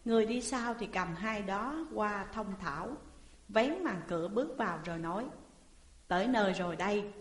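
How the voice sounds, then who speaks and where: A woman reading a classical tale aloud as a storyteller, voicing the characters' lines with shifting pitch and energy. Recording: echoey room with long reverb.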